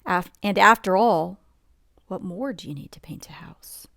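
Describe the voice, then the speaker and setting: With an expressive, fairly bright, creaky mid-range voice and no echo, a woman reads a bedtime picture book. She keeps an easy, unhurried pace, slipping in conversational remarks about the details and asking the listener questions.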